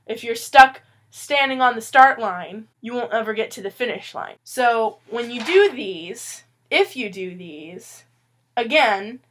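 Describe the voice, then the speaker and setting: Her voice is high-ish and fairly bright, with lively intonation and a measured pace. Ill with a cough at a wooden table indoors, this webcomic artist gives viewers a loose, rambling comics tutorial, loopy and poking fun at herself.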